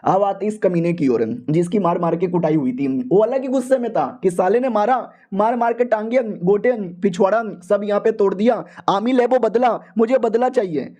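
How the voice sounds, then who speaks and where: A man's voice: sits high, moderate pace, few pauses, mellow. A man narrating a comic story recap in a chatty, slangy way with joking asides.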